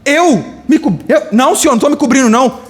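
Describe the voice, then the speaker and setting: A man's voice: very high voice, fast, pitched above the performer's own voice. A Brazilian man voicing a flustered, evasive Adam who stammers out cheerful denials. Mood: nervous.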